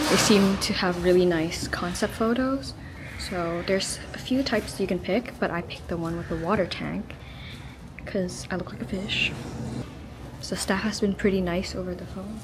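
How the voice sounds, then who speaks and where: An eighteen-year-old vlogger with a medium-pitched voice chats casually to a handheld camera held at arm's length, gushing informally and repeating words for emphasis. Loud music plays behind her, making the background noisy.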